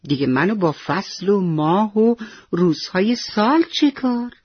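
A woman's voice: medium pitch, expressive, breathy edge, no echo, muffled recording. A woman voicing a tiny lazy seed that whines it is comfortable in the soil and refuses to get up. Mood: reluctant. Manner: whiny, complacent, reluctant. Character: tiny lazy comfy seed, stubborn, childlike.

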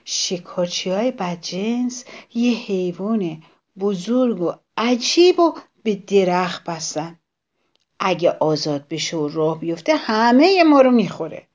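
A woman voicing a frightened male jackal in a children's storybook, shouting and breathless with urgency. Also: medium pitch, big pitch swings. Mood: panicked.

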